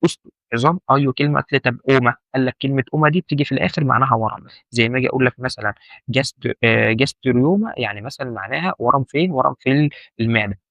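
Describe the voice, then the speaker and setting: This lo-fi, dry recording captures a medical terminology instructor with an Egyptian Arabic accent teaching informally at a racing pace. His mid-range voice is fairly bright, and he goes over key points repeatedly while asking the listener questions.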